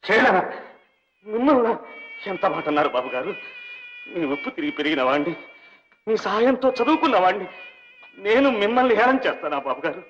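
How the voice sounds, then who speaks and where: A devoted young doctor, earnest and deeply respectful, with a lively, slightly raised voice. It sounds like a dull old film soundtrack with music beneath. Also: male voice, fast talker, pauses often, a little hiss or hum. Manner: respectful, earnest, emotional pleading. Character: young devoted doctor, servant's son, reverent and warm. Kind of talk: 1960s Telugu film drama.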